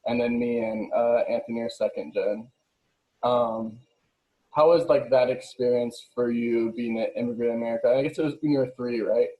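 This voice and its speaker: A man's voice: medium pitch, lo-fi sound. A young man hosting a casual interview, asking questions in a friendly way with trailing restarts. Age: young adult. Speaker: host.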